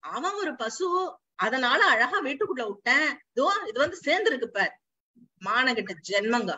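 A woman's voice: fairly high pitch, very animated, normal speed, sharp tone, exaggerated voice. A woman playing a strict older father who scolds harshly. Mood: scolding. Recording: slightly dull lo-fi recording.

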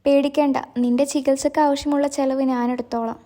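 A man's voice: very high-pitched, level tone, brisk, mellow. A woman voicing a worried, kind-hearted young man who hit a girl with his car, speaking earnestly and apologetically. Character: young man, anxious but kind driver.

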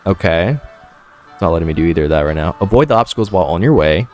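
A man's voice: sits low, animated, fast, a little mellow, faint music behind. A man streaming a horror game with scared, jittery reactions, repeating himself and speaking in profane, slangy commentary.

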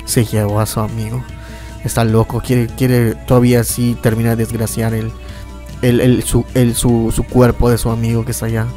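A man giving casual, excitable gameplay commentary, often yelping and laughing at the game. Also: medium pitch, moderate pace, faint music behind. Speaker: gaming YouTuber.

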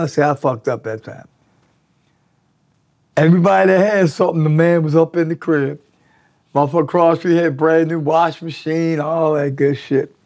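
Recorded seated in a small indoor studio with a draped backdrop, a man in his sixties spins rough, profane tales during a relaxed interview. His voice sits a little high for a man, and he acts out the people he quotes with lively swings in pitch.

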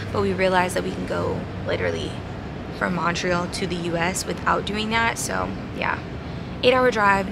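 Young woman vlogger, sassy and chatty, handheld camera outside at night; gravelly edge, city noise behind. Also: medium pitch. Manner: chatty, sassy, addresses viewers as y'all and babes. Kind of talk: casual vlog talk to camera. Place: outdoor city terrace at night. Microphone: handheld camera at arm's length. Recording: noisy outdoor city street.

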